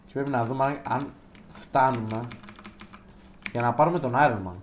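A man giving live gameplay commentary as a streamer, chatting to viewers and bursting into loud exclamations. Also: mid-range voice, fairly even intonation, a little hiss or hum. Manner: chatty, addresses viewers directly.

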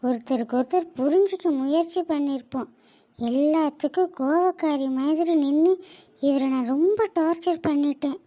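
A woman voicing a young wife in a cartoon drama, weak with fever and speaking softly, tender and a little teasing. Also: high voice, normal speed, lightly acted. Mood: reflective.

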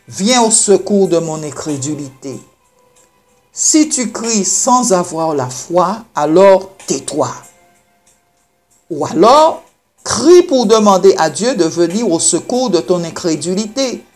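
A woman preacher delivering a sermon, reading scripture and exhorting the listener with slow, emphatic phrasing. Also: mid-range voice, animated, a little mellow, faint music behind.

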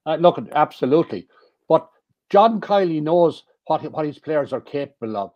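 A man's voice: fairly high pitch, lively intonation, normal speed, dry recording, dull audio. An older Irish man on a video call, speaking emphatically as a hurling pundit. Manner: assertive, emphatic. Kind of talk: casual sports analysis.

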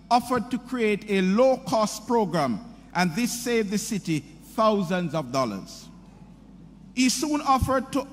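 High-voiced man introducing a speaker. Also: slight background noise. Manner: measured, reads from a prepared script with a sing-song lilt. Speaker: university president introducing the speaker. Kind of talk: formal ceremonial introduction. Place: large hall, speaking at a podium. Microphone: podium microphone. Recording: hall reverb with faint ambience.

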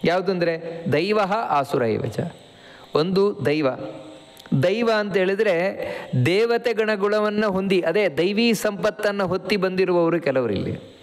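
A man's voice: high voice, expressive, a little slow, long reverb tail. A man teaching a religious discourse, explaining Sanskrit verses line by line. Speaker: spiritual teacher.

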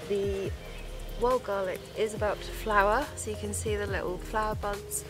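A woman in her thirties hosts an outdoor vlog in a woodland, talking to camera casually and with giggly enthusiasm as a forager. Her medium-pitched voice stays steady at a moderate pace, and music plays in the background.

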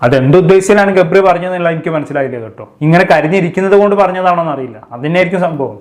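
A man's voice: fairly high pitch, very fast. A man giving a casual, chatty recap of a reality show and talking straight to his viewers. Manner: chatty, addresses viewers as kids. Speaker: show commentator.

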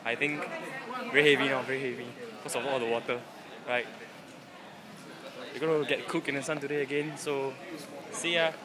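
A man's voice: mid-range voice, normal speed, long pauses. A young man with a Singaporean accent chatting casually in Singlish, with particles like lah and ah, in a handheld vlog. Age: young adult. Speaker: vlogger. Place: busy canteen and walkways. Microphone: phone at arm's length. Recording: busy crowd noise, handheld phone.

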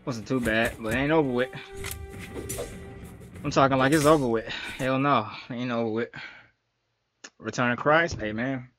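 A man's voice: medium pitch, steady tone, normal speed, pauses often, fairly bright tone. A young man giving exasperated, profane live commentary on his own gameplay. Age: young adult. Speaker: gaming streamer. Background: game music.

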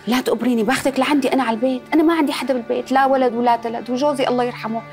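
A woman voices a gentle, motherly Damascene widow who coaxes in a fast, slightly high voice. Faint music sits under this audio drama. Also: steady tone, close to an everyday voice. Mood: kind. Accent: Damascene Arabic. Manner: gentle, coaxing. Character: kind widowed older lady, motherly.

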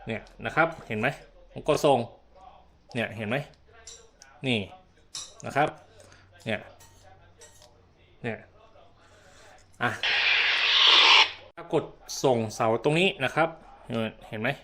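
With a mid-range, slightly bright voice, a Thai-speaking man demonstrates a product casually and hands-on. He goes slowly, pausing often, explaining each step and repeating himself with polite particles.

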